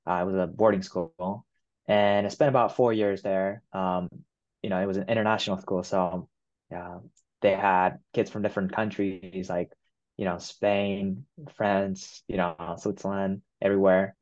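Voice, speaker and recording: A young Japanese man in his 20s, speaking English as a second language, answers questions as a guest in a casual interview. His voice is fairly low and his manner relaxed, with many fillers like "um" and "you know" in his pauses, on a muffled, lo-fi recording.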